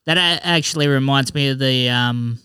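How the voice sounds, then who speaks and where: A man's voice: medium pitch, normal speed, sharp tone, smooth, dry recording, clean studio sound. An Australian man chatting casually as a host, with a blokey, sweary, slangy way of talking. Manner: blokey, sweary, teasing slang-filled talk. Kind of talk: casual chat.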